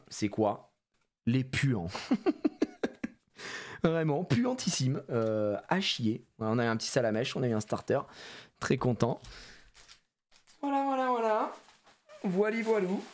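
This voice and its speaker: A man streaming live as he opens trading cards, excitable, swearing and bantering with his chat. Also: medium pitch. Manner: excitable, swears, shouts when disappointed; animated, playful banter with chat. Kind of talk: live card-opening stream.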